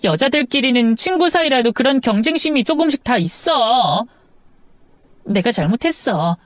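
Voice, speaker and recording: A woman's voice: a little high, animated, normal speed, no room sound, natural voice. A woman voicing a young wife who stammers, protests and pleads with her husband in an audio drama story. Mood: pleading. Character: young wife, defensive then pleading, flustered.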